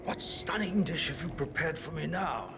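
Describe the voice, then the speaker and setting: A posh, high-voiced diner. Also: male voice, expressive, normal speed, creaky. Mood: indulgent. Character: wealthy male diner, pleased and indulgent. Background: game music.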